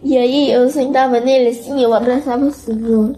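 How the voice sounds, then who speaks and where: A high-voiced woman tells of a religious experience in a halting, repetitive way, her voice often close to tears. Her tone is dark and mellow despite the high pitch, and faint music plays behind her. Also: steady tone. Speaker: interviewee giving a religious testimony. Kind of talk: emotional spoken testimony.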